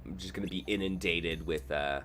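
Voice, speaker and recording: Male streamer, casual rambling chat over gameplay; low voice, very lively pitch, faint music under. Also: brisk. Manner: rambling, self-correcting, chatty. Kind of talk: casual live-stream chat while gaming.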